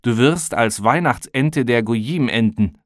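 A man's voice: medium pitch, a little slow, no echo, studio quality, natural voice. A man reading an audiobook voices a shy, stammering Russian man who sounds embarrassed. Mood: angry.

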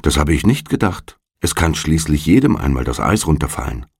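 A curt, irritable gentleman who brushes off a pest, as a deep-voiced man reads him. The voice is very low and gravelly, with lively pitch. It sounds dry. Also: fairly quick, no echo, exaggerated voice. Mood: dismissive. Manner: curt, dismissive. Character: irritable gentleman reading a newspaper.

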